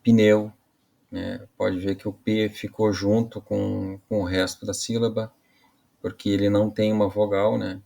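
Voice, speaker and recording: Male teacher, gravelly low voice, casual lesson delivery with frequent restarts. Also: little pitch movement, dark tone. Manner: casual explaining with frequent "né" and "tá" tags; halting restarts while explaining. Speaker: Portuguese teacher. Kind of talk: online grammar lesson.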